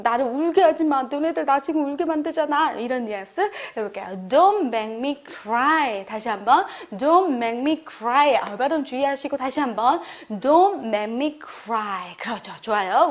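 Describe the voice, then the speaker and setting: A woman teaching English phrases in a lesson, speaking Korean and voicing English model sentences slowly for repetition, often checking in with the learner. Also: fairly high pitch. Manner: frequent "그쵸?" check-ins with the learner.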